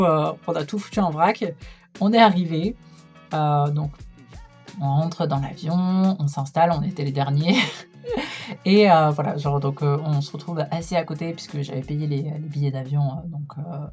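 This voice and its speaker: A woman's voice: sits low, darkish tone. A young woman telling a casual storytime vlog, chatty and full of hesitation fillers. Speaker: vlogger.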